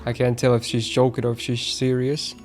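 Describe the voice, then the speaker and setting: A young man casually commenting on a game stream, chatting and joking as he reads the story aloud. His voice sits in an ordinary middle pitch. Faint game music plays underneath. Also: completely flat delivery, a little fast. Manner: casual, joking, reacts with laughs. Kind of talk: gameplay commentary and reading game text aloud.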